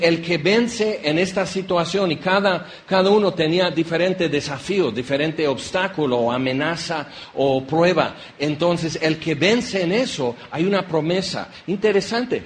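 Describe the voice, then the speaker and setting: A pastor delivers an animated sermon, slipping into playful voices for the people he quotes. His voice sits high for a man. A faint hiss of background noise runs under the recording.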